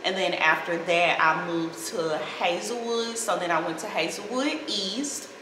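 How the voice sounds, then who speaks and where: A woman's voice: lowish voice, unhurried. Echoey St. Louis woman, casual and slangy. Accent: St. Louis American. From St. Louis, Missouri, USA. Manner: slangy, playful, expressive. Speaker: vlogger. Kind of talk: casual chat to camera. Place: small indoor living room, seated on sofa. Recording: echoey, reverberant room with clear noise.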